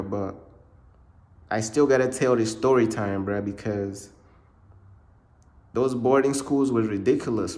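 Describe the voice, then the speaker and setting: A young man from Uganda talks slowly and unhurriedly through a casual storytime vlog. His speech is loose and slangy, and he keeps tossing in "bruh" and "bro" as he rambles and circles back over his points. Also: medium pitch, a little mellow. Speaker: faith vlogger.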